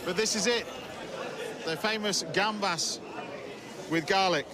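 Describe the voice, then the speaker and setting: Over a noisy crowd, a high-voiced man speaks a little slowly. He's a chef and TV host chatting casually and eagerly to camera about food on a busy city street outdoors, with plenty of food asides. Street noise fills the location sound.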